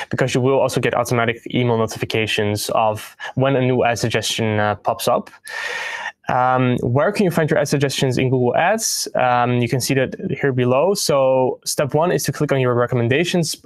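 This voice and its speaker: A man's voice: medium pitch, clean tone, no room sound. A young man hosting a livestream, presenting product updates with frequent ums, uhs and restarts. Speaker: host of a partner news livestream.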